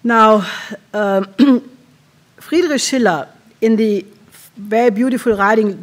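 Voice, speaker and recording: A woman in her sixties with a German accent gives a keynote speech at a podium in a large hall, earnest and halting, often clearing her throat. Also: fairly high pitch. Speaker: keynote speaker. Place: large conference hall with audience. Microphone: podium microphone.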